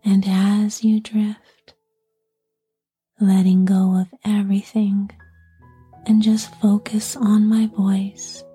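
A woman narrating a guided sleep session like a bedtime story, in a soft, breathy whisper with a soothing, lulling delivery. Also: medium pitch, flat delivery, slow pace, pauses often, dry recording, faint music behind.

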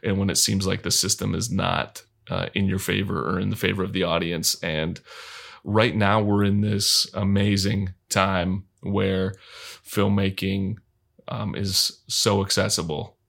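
A man's voice: low voice, little pitch movement, a little slow, gravelly, fairly bright tone. A man talking casually on a podcast, thoughtful and rambling with many fillers and restarts.

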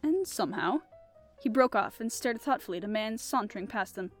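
A woman podcast host reading a classic mystery novel aloud in an expressive, animated style. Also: medium pitch, quick pace, faint music behind. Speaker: podcast host and audiobook reader. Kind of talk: audiobook narration.

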